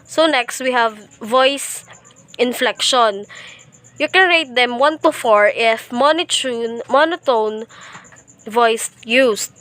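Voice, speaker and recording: Slow-reading young woman presenting a report. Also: a little high, fairly bright tone, clean tone. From Philippines. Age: young adult. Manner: slow, careful reading with slips and restarts. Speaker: student presenter. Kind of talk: reading a class report on rubrics.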